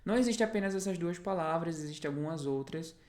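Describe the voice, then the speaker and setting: A woman with a notably low voice and a Brazilian Portuguese accent, walking through an English lesson. She explains points patiently, step by step, and keeps checking that the learner is following along. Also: fast, a little mellow. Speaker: English teacher. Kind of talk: online language lesson.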